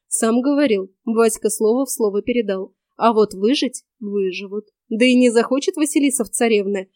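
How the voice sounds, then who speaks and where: Woman voicing a cranky old storybook witch, folksy and scolding, a bit high, dry close sound. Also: a little mellow, dry recording, close to an everyday voice.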